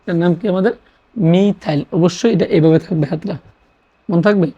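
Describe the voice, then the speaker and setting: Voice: mid-range voice, brisk, mellow, slightly rough. A teacher from Bangladesh gives a classroom lecture, repeating key terms and posing questions that they answer themselves. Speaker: chemistry teacher. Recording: dull lo-fi recording.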